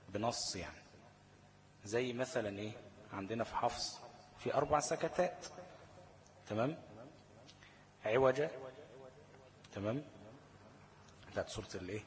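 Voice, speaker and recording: A man with an Egyptian Arabic accent, teaching Quran recitation rules. He reads definitions slowly, then explains them in quick everyday speech, often asking a question and answering it himself. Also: medium pitch.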